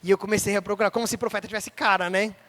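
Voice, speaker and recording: A young man preaching in church, who tells his testimony in an animated way and acts out each person he quotes. His voice sits very high for a man and has a bright, ringing edge. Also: racing. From Brazil.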